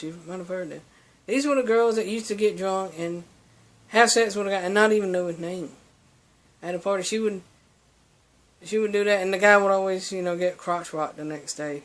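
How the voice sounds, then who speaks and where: High-voiced man ranting to camera. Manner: preachy, ranting, lots of restarts and fillers. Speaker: vlogger. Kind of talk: opinion monologue to camera.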